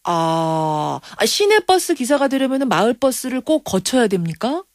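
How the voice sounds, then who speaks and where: A woman's voice: fairly high pitch, sing-song, moderate pace, no echo, studio quality. A woman radio news host interviewing in an inquisitive, emphatic manner. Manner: inquisitive, emphatic, reacting with surprise. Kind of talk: broadcast interviewing.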